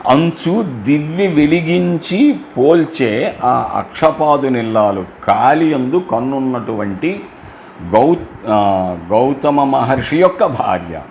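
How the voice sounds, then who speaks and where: A medium-pitched man gives a religious storytelling discourse, explaining verses line by line and putting rhetorical questions to his listeners. He chants the verses in a slow, drawn-out melody, and there's a little hiss or hum on the recording.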